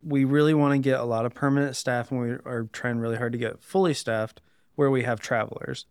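A man with a Midwestern American accent talks as a podcast guest, easygoing and a bit rambling. His voice is smooth and clear. The sound is dry and close, with no room echo. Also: mid-range voice, a little fast. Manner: relaxed, rambling, uses lots of "like". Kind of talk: casual interview chat.

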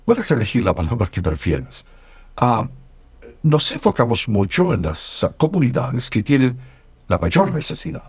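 A man with a husky voice explains his work earnestly, his pitch rising and falling with animation. The recording is dry and close. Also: huge pitch swings, normal speed, no echo. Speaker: interview guest, Spanish voice-over. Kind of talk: translated interview answers.

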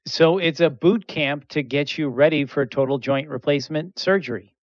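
A man's voice: on the high side, moderate pace, dry recording, lo-fi sound. A man hosting a podcast interview, upbeat and summing up his guest's answers. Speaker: podcast host.

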